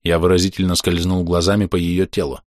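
A man narrating a fantasy audiobook in a measured, steady storytelling manner. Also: deep voice, dry recording, clean studio sound.

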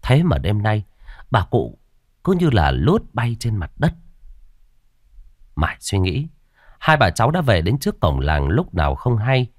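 A man narrating a scripted horror story with expressive storytelling. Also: on the low side, measured pace, long pauses, no echo, studio quality.

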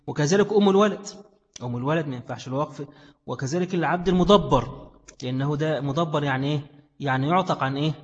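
A man with an Egyptian accent teaching a classroom lesson, explaining a text and asking questions that he answers himself. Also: fairly high pitch. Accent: Egyptian Arabic. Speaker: religious studies teacher. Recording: echoey hall, dull lo-fi sound.

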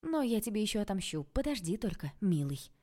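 A woman reading an audiobook, voicing a hot-tempered, sharp-tongued young woman who snaps in a raised voice. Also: mid-range voice, expressive, fairly quick, lightly acted. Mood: sulky. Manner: snapping, raised voice.

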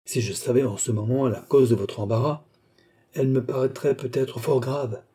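A man reading a cold, composed count who calmly demands repayment, keeping a polite but unyielding manner. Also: medium pitch, husky. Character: icy, composed male count and sorcerer-creditor.

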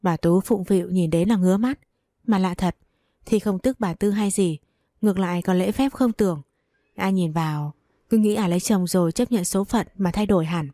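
A woman's voice: medium pitch, moderate pace, dark tone, no echo, clean studio sound. A woman reading a family drama story aloud as a storyteller, taking the dialogue in her own voice. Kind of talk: scripted story narration.

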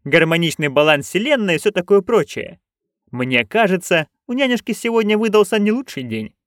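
A man voicing a young witch woman who speaks in a soft, reasonable, placating way. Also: sits high, big pitch swings, moderate pace, no room sound, studio quality, pitched above the performer's own voice.

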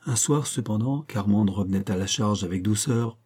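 A man reading a classic novel aloud as an audiobook narrator, telling it in a steady, even way. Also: on the low side, normal speed, husky.

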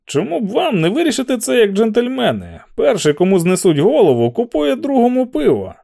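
This is a mocking young man in an audiobook, put on by the male narrator. He needles people with a high, swooping, exaggerated voice. The narrator's own mellow timbre still shows underneath. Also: wildly swooping pitch, fairly quick, creaky, heavily acted. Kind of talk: audiobook character voice.

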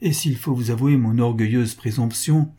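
A man reading aloud, voicing a warm, affectionate young wife with a gushing, lively manner. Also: mid-range voice, moderate pace, breathy edge, lightly acted. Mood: eager.

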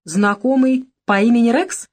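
Brief: female reader voicing a bright, quick-witted young woman, teasing and direct, pitched up. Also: very animated. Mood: hesitant. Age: young adult. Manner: brisk, teasing, bright lilt. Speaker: audiobook character. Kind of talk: audiobook dialogue reading.

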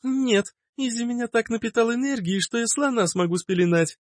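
A man's voice: extremely high pitch, moderate pace, no room sound, clean studio sound, pitched above the performer's own voice. Man putting on a chirpy boastful young sorceress. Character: young woman healer with magic gift, boastful.

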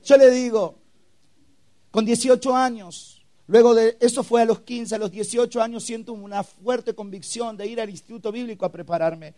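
A young man preaching his own story at a youth camp, acting out quotes and sound effects, swinging between loud and hushed. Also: very high voice, normal speed. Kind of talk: testimonial sermon.

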